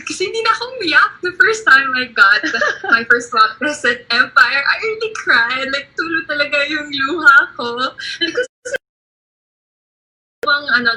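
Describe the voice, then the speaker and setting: Lively Filipina candidate, bright voice. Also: female voice, high voice, low-quality recording. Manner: lively, mixes Tagalog into English. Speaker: pageant candidate.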